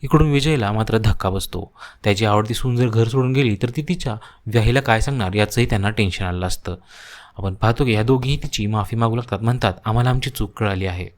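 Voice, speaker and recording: A man narrating a cartoon story in a steady storytelling manner. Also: lowish voice, quick pace.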